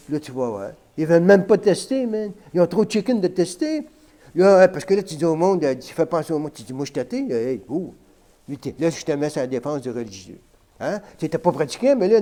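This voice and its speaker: A man's voice: on the high side, animated, a little fast, dark tone. A man with a Québécois French accent rambling casually in an unedited vlog, full of fillers like "hein" and "man". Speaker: vlogger. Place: at home, smoking on camera.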